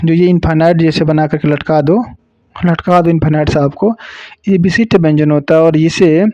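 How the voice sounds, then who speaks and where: A man from Uttar Pradesh teaching a grammar lesson for exam preparation, explaining slowly, repeating sounds and adding jokes. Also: fairly high pitch, warm tone, no echo. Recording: dull lo-fi dry sound.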